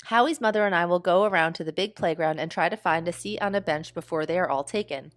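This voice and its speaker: A woman voicing a patient, gentle mother who speaks in a coaxing, soothing way in a storybook read-aloud. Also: fairly low pitch, fast talker, lightly acted.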